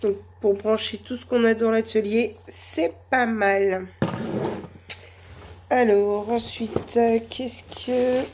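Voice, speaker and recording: Slow-talking woman with a cold. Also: on the high side, steady tone, a little mellow, slight background noise. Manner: hesitant, many fillers, slow and chatty. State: has a cold, hoarse voice. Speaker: vlogger. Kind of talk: casual shopping haul vlog.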